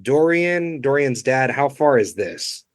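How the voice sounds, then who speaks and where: A man's voice: mid-range voice, animated, slow, no room sound. A man chats with friends about a book, asking questions and repeating bits of his sentences as he works out his point. His voice sits in an ordinary middle range, with a dry sound. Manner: inquisitive, repeats his phrases while thinking. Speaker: book discussion co-host. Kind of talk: casual book club chat.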